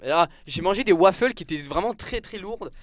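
A man's voice: high voice, animated, fairly quick. Hesitant young man presenting sport. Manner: hesitant, lots of fillers and restarts, self-mocking. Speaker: sports columnist on a club show. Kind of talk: casual live radio chat.

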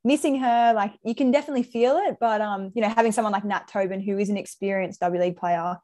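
A woman in her twenties with a Queensland accent, from Brisbane, Australia, is interviewed as a soccer player in casual chat. Her voice is mid-range and dark in tone, and she talks at a quick pace.

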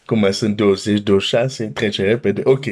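A man from Romania preaching a sermon, reading Bible verses aloud and then commenting on them with animated emphasis. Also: lowish voice.

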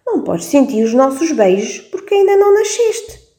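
A woman's voice: high voice, sing-song, normal speed, dark tone, voice pushed up. A woman voicing a cheerful, affectionate father in a friendly, reassuring voice. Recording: roomy echo.

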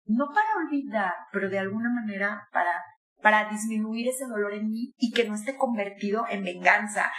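A woman in her sixties giving conversational advice as a guest, animated, acting out quoted voices. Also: medium pitch. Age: 60s. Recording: echoey room.

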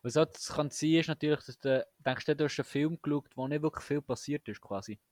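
A man's voice: on the high side, a little fast, a little mellow, no room sound, clean studio sound. A young man co-hosting a casual podcast chat, talking eagerly with slang and many restarts. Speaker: podcast co-host.

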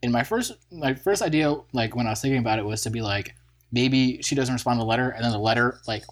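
A man's voice: mid-range voice, fast talker. A man co-hosting a storytelling podcast, rambling through his thought process with lots of filler words. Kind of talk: casual chat.

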